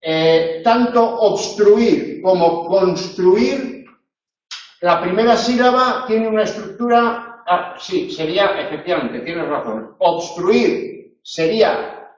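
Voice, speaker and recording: A man with a Spanish accent from Spain, tutoring a class, explaining step by step, correcting himself and often tagging his points with quick questions. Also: high voice, animated. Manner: explanatory, self-correcting, frequent tag questions. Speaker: university tutor. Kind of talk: lecturing in a tutorial. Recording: roomy, slightly dull classroom recording.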